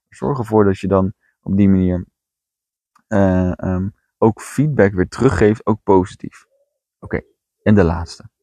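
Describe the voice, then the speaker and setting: A man's voice: lowish voice, darkish tone, no echo. A man talking as a podcast host and coach in a blunt, plainspoken monologue.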